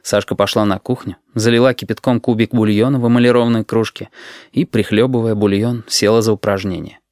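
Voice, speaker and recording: With no room sound and a clean studio quality, a male narrator reads an audiobook script. He keeps a measured, even storytelling pace, and his voice is on the low side.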